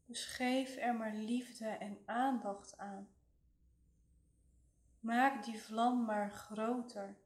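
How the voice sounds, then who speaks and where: A woman leading a guided relaxation meditation in a soothing, gentle way, leaving long pauses. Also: on the high side, fairly even intonation. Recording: roomy, echoing voice recording.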